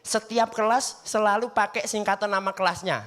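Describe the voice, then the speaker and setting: A man's voice: sits high, fairly even intonation, normal speed, a bit bright. A young man doing a stand-up comedy set on a studio stage, chatty and always checking with the crowd. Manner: chatty, keeps asking the crowd for agreement. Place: studio stage with live audience.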